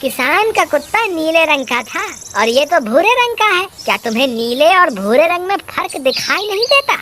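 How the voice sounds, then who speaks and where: A woman acting out a panicky, bossy trickster man from a children's cartoon. He whines and wails in a high voice, and a light hiss sits behind him. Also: big pitch swings, normal speed, a bit bright. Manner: whiny, panicky wailing.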